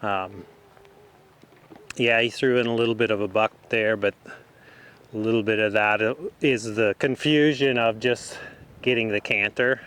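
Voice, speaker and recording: Here a horse trainer talks through instructions in short, broken bursts while riding in an open outdoor arena. His voice sits on the low side yet has a fairly bright, clean tone, and faint outdoor noise can be heard.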